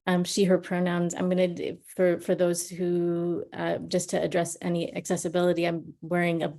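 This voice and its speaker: A woman panellist introducing herself in a halting, thoughtful way. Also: lowish voice, completely flat delivery, mellow. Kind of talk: informal self-introduction on a panel.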